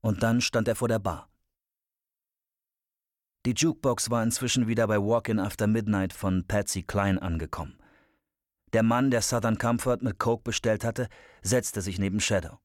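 A man reading an audiobook aloud with steady, measured storytelling. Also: on the low side, no room sound, clean studio sound. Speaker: audiobook narrator. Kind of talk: scripted narration.

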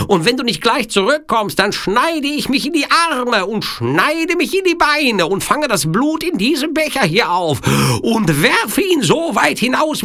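A shrill menacing Sicilian villain. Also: male voice, bright, forceful tone, heavily acted. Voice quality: shrill, theatrical. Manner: taunting, drawn-out threats. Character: menacing adult male Sicilian kidnapper, boastful. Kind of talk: audiobook character voice.

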